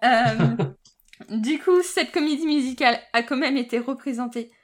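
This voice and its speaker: A woman with a fairly high voice hosts a relaxed podcast chat. She stumbles over words, corrects herself on the fly and laughs often. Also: normal speed. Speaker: podcast host.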